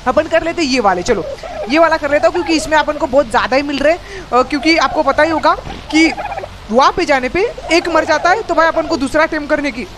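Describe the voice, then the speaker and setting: A man with commentates his game in an excitable, slangy rush, often repeating himself. His voice sits unusually high and is hoarse from a strained throat. A faint hum of ambience sits behind him. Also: a little fast. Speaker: gaming YouTuber host. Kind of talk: live gameplay commentary.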